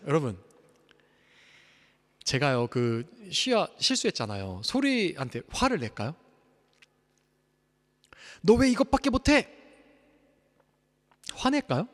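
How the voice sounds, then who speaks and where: Brief: male pastor, high and lively voice, emphatic sermon in a long-reverb church hall. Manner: swings between hushed and loud, emphatic.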